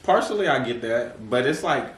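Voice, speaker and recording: A man's voice: medium pitch, lively intonation, moderate pace. A man chatting casually as a podcast guest, laid-back with lots of slang and fillers, laughing often. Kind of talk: casual chat. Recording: echoey room, mic at a distance, faint noise.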